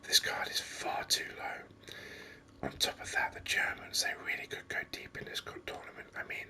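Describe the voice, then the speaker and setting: Speaking close to the mic, a gaming host whispers ASMR commentary in a breathy, nearly unvoiced voice with a very crisp, sharp brightness. The delivery is soft and unhurried, walking through things one step at a time.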